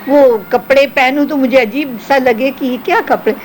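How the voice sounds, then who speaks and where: A woman's voice: high-pitched, a little hiss or hum, rough recording. An older woman, a former film actress, reminiscing in an interview and acting out the voices of people she quotes. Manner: animated storytelling, acts out quoted voices.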